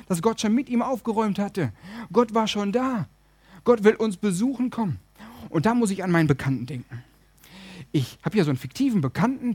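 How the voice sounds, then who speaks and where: A man preaching a sermon to a congregation, telling stories in a lively way and acting out the voices of their characters. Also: high voice, dry recording. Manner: lively storyteller, acts out voices. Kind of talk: sermon with storytelling.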